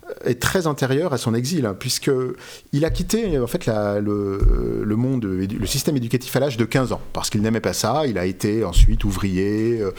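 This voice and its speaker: A man being interviewed as an author and literary expert gives learned, unscripted explanations, often hesitating and correcting himself. His voice is medium in pitch and a little mellow, at a moderate pace.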